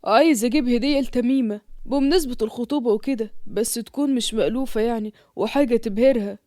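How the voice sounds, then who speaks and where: A woman giving voice to an earnest young man with an Egyptian accent, in a slightly lowered voice. The storybook figure talks fast and plainly, recorded close and dry. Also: darkish tone, dry recording, lightly acted. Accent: Egyptian Arabic.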